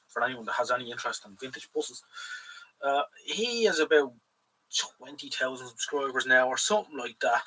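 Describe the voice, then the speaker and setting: The speaker is an Irish livestream host whose medium-pitched voice is husky, pushed and bright. He chats in a rambling, casual way, swearing freely, and sits a bit far from the mic.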